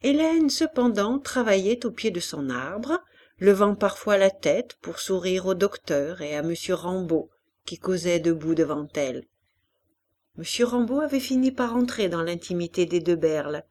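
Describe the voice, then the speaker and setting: A woman reading a classic novel aloud as an audiobook, with expressive, varied delivery. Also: on the low side, moderate pace. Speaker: audiobook reader. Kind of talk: expressive literary narration.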